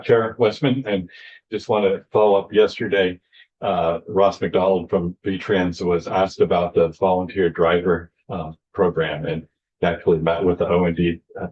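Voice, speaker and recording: A middle-aged man, a town manager, giving steady, matter-of-fact testimony to a legislative committee, with the odd "uh" filler. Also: deep voice. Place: legislative hearing room. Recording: slightly muffled, dull audio.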